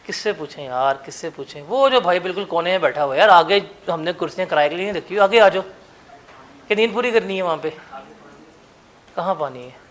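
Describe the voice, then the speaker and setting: A male teacher runs his classroom in a high, bright-pitched voice. He teases and coaxes his students, quizzing them on the lesson and calling them up to the board. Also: a little fast. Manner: teasing, coaxing students to the board.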